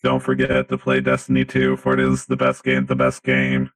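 A man voicing a stiff robot that stands in for a missing co-host, speaking in flat, clipped sentences. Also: extremely low pitch, moderate pace, gravelly, pitched below the performer's own voice, exaggerated voice. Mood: deadpan robotic. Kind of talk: comedic podcast bit.

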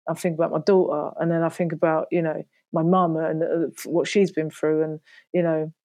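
A woman's voice: lowish voice, a little mellow, no echo. A woman guest in her forties talking candidly and reflectively, peppered with "you know", about her work and loneliness. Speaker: guest, singer and podcaster. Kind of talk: candid interview talk.

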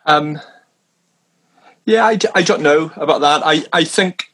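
In a fairly high, fairly bright voice at a measured pace, a man who grew up in Wales and now works as a minister talks casually in London. He's hesitant, restarts frequently, and punctuates his speech with little self-deprecating laughs.

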